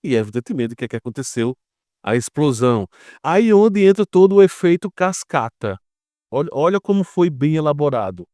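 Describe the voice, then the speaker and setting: With a voice on the high side that swings widely in pitch, the man talks at a normal speed in a mellow tone. Recorded dry and clean in a studio, this Brazilian geopolitics commentator explains topics casually in Brazilian Portuguese, often asking rhetorical questions and tossing in short check-in tags.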